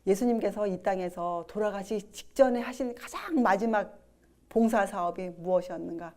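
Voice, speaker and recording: A woman's voice: medium pitch, moderate pace, darkish tone. A woman preaching a sermon, asking the listeners questions and acting out the disciples' words.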